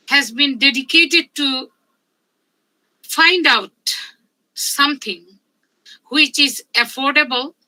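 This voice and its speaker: Slow, bright-voiced woman presenting. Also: high-pitched, rough recording. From Bangladesh. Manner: halting, measured delivery with frequent pauses. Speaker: medical researcher and conference speaker. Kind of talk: conference presentation.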